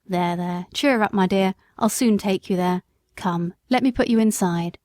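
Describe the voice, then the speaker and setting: A woman voicing a kind, steady London cab driver in a storybook reading, speaking plainly, gently and firmly. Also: mid-range voice, normal speed, no echo, clean studio sound, close to an everyday voice. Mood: kindly firm.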